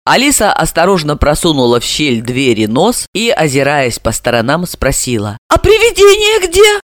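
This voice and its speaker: A man narrating an audiobook with an expressive, wide-ranging delivery. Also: medium pitch, moderate pace, no echo, clean studio sound. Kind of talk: scripted narration.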